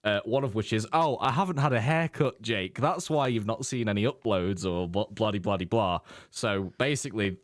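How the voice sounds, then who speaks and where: A man's voice: on the low side, moderate pace, few pauses, no echo, clean studio sound. A young man co-hosting a casual football podcast, joking and teasing with a lot of laughter. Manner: jokey, teasing, laughs often, puts on mock voices. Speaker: podcast co-host.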